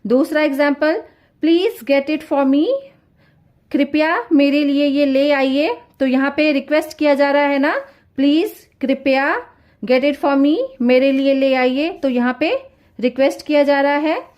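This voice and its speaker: A woman teaching English grammar in Hindi. She speaks slowly and reads English example sentences out one word at a time, then asks the viewers a question and answers it herself. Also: high-pitched, a little mellow, lo-fi sound.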